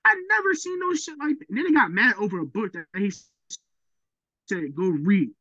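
A man's voice: high voice, lively intonation, moderate pace, sharp tone, no room sound, muffled recording. A man co-hosting a casual podcast, talking emphatically with swearing and pushing back on the other host. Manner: emphatic, profane, pushes back. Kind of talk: casual chat.

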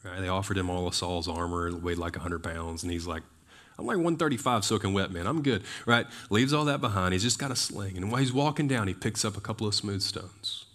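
A man's voice: sits low, fast, few pauses, a bit bright. A man preaching a sermon in a loose, conversational way, full of fillers and rhetorical questions. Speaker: pastor.

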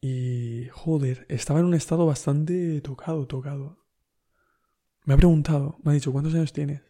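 Un hombre con acento de España que cuenta una anécdota en tono informal, relajado y con risas frecuentes. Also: male voice, a little high, moderate pace, mellow. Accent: Spain Spanish. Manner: laid-back anecdotal, laughs often, slangy. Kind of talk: casual storytelling.

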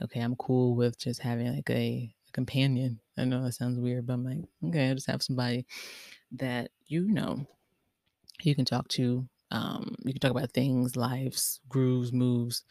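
A man talking casually and earnestly, thinking out loud with lots of fillers and restarts. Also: medium pitch, no room sound, clean studio sound. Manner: rambling, filler-heavy, many likes and restarts. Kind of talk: casual reflective monologue.

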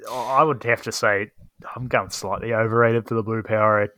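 A young man co-hosting a casual podcast, easygoing and quick to laugh. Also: fairly low pitch. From New Zealand. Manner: relaxed, easygoing, laughs often. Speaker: podcast co-host. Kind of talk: casual chat.

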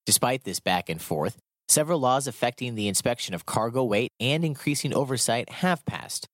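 A man reporting a radio news feature, reading a script in a measured, formal way. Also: mid-range voice, no echo, studio quality.

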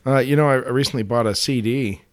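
A man's voice: medium pitch, fast talker, slight background noise. A man co-hosting a podcast in casual comedic chat, joking and laughing often, with frequent restarts. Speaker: podcast co-host.

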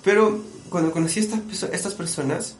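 A man, a musician and producer, telling stories in a casual podcast conversation with an animated, friendly manner. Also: high-pitched, quick pace. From Bolivia. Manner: animated storyteller, often calls the listener "brother". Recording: echoey room with faint background noise.

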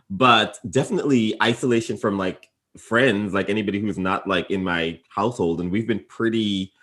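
A man's voice: lowish voice, fairly bright tone. A man co-hosting a casual podcast chat, playful and teasing, laughing often. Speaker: podcast co-host.

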